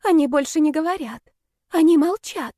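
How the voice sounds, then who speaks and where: A woman voicing a terrified young woman, shrill and strained, rattling her words off breathlessly in an audiobook. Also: normal speed, mellow, dry recording, clean studio sound, close to an everyday voice. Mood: dazed. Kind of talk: audiobook character voice.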